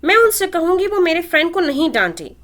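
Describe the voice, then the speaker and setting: Woman putting on a tiny high girl voice, innocent, asks stuff eagerly, bright and bouncy. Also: very animated, a little fast, exaggerated voice. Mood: innocent, chatty. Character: innocent chatty three-year-old girl.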